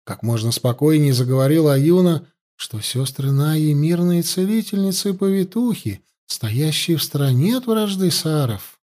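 A man narrating a fantasy audiobook with expressive storytelling. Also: fairly high pitch, normal speed, few pauses.

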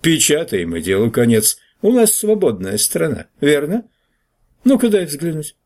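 A rude, scrawny newspaper clerk, put on by a male reader, brash and dismissive. His voice sits noticeably higher than the reader's own and swings up and down. A slightly husky edge stays underneath. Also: wildly swooping pitch, measured pace, darkish tone, full character voice. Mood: mocking.

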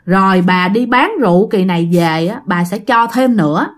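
Woman doing a gentle old grandmother. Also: medium pitch, moderate pace, pitched below the performer's own voice, close to an everyday voice. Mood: soothing. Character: kindly old grandmother, soothing and protective.

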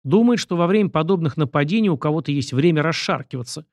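A man's voice: a little high, lively intonation, quick pace, no echo, clean studio sound. A man voicing a young nobleman who talks bluntly and dismissively. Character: young male nobleman, blunt and self-assured.

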